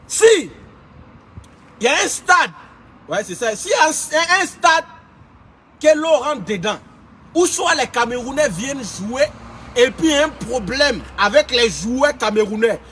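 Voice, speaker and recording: A man's voice: very high voice, sing-song, slow, pauses often, fairly bright tone, husky. A young man from Côte d'Ivoire with an Ivorian French accent, ranting indignantly as a blogger in a heated vlog full of street slang.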